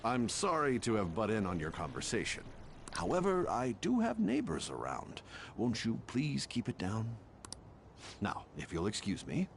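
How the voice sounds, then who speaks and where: A man playing an old painting master in a video game, gravelly, polite and placating. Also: lowish voice, wildly swooping pitch, slight background noise, full character voice. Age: older. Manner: courteous, placating, measured. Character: cranky-sounding old male painter, mild, polite master. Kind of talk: English video game voice acting.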